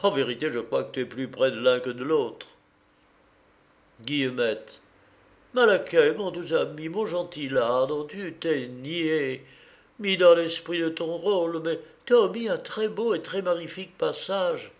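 A man's voice: fairly high pitch, measured pace. Man doing a wry, teasing drinking companion.

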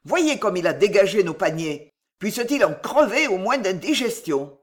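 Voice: mid-range voice, big pitch swings, normal speed, lightly acted. A reader voicing two greedy medieval fishmongers who haggle over a fox pelt and then curse their loss. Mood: grumbling. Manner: haggling, complaining.

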